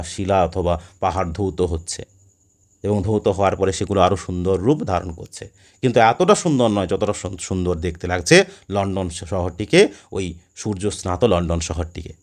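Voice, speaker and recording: A man teaching a poem with a Bengali accent, asking questions and then answering them himself, often restarting words. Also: lowish voice. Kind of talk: poetry lesson explanation.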